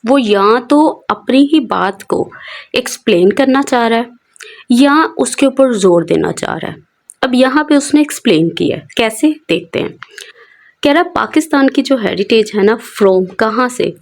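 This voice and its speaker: Woman teaching English, rather high. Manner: asks herself questions and answers them, reading English phrases slowly. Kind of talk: explaining a newspaper editorial to students.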